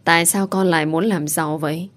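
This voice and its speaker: A woman voicing a gentle, loving young father who speaks softly and tenderly. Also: on the low side, fairly even intonation, fairly quick, lightly acted. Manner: soft and tender.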